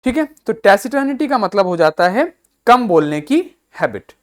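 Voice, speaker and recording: A patient woman teacher explains word meanings to school children and goes over each point several times. Her pitch rises and falls a great deal from phrase to phrase. She spells suffixes out letter by letter. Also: sing-song, moderate pace. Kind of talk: online vocabulary class for school children.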